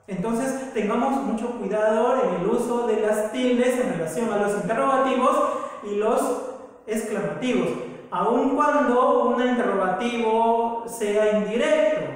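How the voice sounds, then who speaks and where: A woman's voice: on the high side, a little slow. A woman from South America teaching a recorded grammar lesson, explaining patiently, repeating examples and checking in with the listener. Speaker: language teacher. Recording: echoey room with long reverb.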